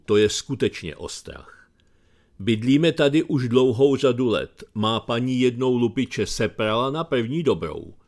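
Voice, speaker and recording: Czech guy in his middle years reading his commentary out loud, dry sarcastic delivery, plain mid voice. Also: mid-range voice. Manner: sardonic, dry storytelling. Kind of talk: read-aloud commentary.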